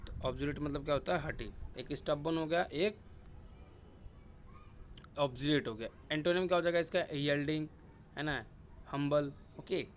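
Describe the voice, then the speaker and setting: A man's voice: fairly high pitch, moderate pace, long pauses, a little hiss or hum. Man drilling vocabulary with repeated questions. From India. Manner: repetitive, drilling words and asking himself questions. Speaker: exam-prep vocabulary teacher. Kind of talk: casual Hindi vocabulary lesson with memory tricks.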